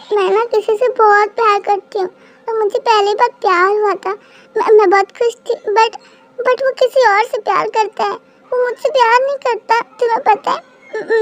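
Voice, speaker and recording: A high-voiced reader voicing a shy young female college student in a fan-dub audio drama, stammering and tearful. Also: slight background noise.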